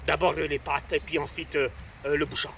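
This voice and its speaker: A man voicing a very old village woman who speaks in a small, hushed voice and scolds him sharply. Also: fairly high pitch, flat delivery, fairly quick, creaky, lo-fi sound, a little hiss or hum, pitched below the performer's own voice.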